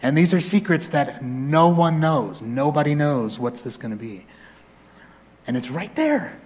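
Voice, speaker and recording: A man's voice: on the high side, lively intonation, measured pace, a little mellow. A man preaching a sermon as a pastor in a church. He reads scripture aloud expressively and mixes in humorous, conversational asides.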